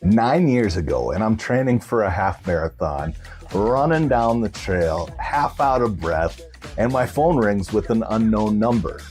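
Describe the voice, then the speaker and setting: A man's voice: lowish voice, animated, a little slow, darkish tone, soft background music. A man hosting bingo in a casual, folksy, upbeat and chatty way, calling numbers between stretches of talk. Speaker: bingo host. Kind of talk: casual bingo caller and host chat.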